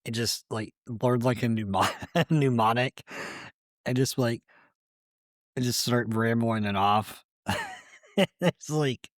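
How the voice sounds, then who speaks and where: A man co-hosting a podcast in casual banter, teasing his partner, laughing easily and jumping into high mock outrage. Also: takes it slowly, pauses often, no echo, clean studio sound. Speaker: podcast co-host.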